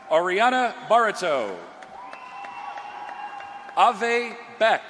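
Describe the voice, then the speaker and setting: A man with a high, bright voice calls graduates' names slowly into a podium microphone, his pitch swinging up and down between names. His voice rings through a large hall with a long reverb, and a crowd murmurs underneath. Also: noisy background. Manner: slow, drawn-out announcing of each name. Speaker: commencement name reader. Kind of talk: reading graduates' names at a ceremony.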